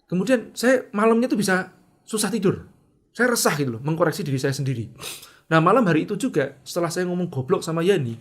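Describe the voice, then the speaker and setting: A middle-aged man telling a personal story about leadership in a casual monologue, acting out his own angry shouts and then dropping to a quiet, reflective tone. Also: fairly high pitch. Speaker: speaker sharing leadership lessons.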